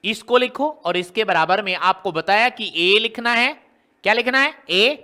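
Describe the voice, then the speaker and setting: In this maths lesson, a man breaks a problem down step by step and constantly quizzes his students with rhetorical questions. He speaks at a moderate pace in a high, bright, forceful voice.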